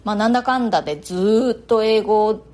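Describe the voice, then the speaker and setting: A middle-aged woman with a Japanese accent talks casually to her podcast listeners. Her delivery is chatty and loose, sprinkled with filler words, at a middle pitch. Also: a little fast, darkish tone. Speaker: podcast host.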